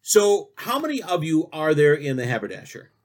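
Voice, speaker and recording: Guy hosting a silly talk show, bit higher voice, goes off on weird tangents. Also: moderate pace. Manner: absurd rambling deadpan jokes. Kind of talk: comic talk show interview.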